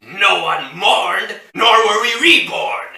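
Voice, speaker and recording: A man doing a cartoon impression of an ambitious, plotting pterodactyl robot, reciting dramatic rhymes with drawn-out words. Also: sits high, lively intonation, gravelly, bright, forceful tone, exaggerated voice. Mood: bitter, ranting. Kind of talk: theatrical character poem recital. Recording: roomy echo, distant mic.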